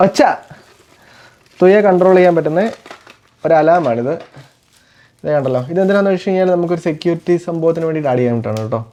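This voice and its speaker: A man's voice: a little high, animated, quick pace, long pauses, dark tone, lo-fi sound. A father chatting casually while unboxing parcels, explaining each item and playing with his little daughter. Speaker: father and family vlogger.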